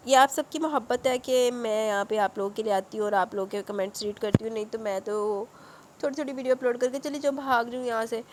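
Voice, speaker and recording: A hoarse woman with a Punjabi accent who narrates an audio novel and then reads listener comments in a chatty way, mixing in English. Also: a little high, noisy background.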